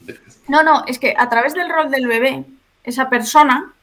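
A woman's voice: sits high, moderate pace, crowd noise. A woman with a Spain Spanish accent, a video creator explaining her points one by one as a podcast guest. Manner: explanatory, methodical, lays out points. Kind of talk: podcast conversation.

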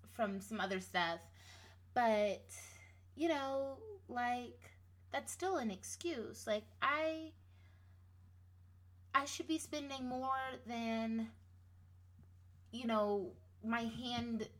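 A woman talking casually to her listeners in a rambling, self-interrupting way with lots of fillers, with a playfully sassy edge. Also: mid-range voice. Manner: rambling, many fillers and restarts. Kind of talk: casual motivational monologue.

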